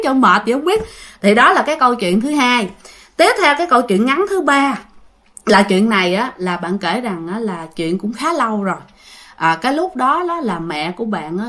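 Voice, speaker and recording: A woman casually telling a ghost story, chatting to her listeners and often repeating her words. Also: fairly high pitch.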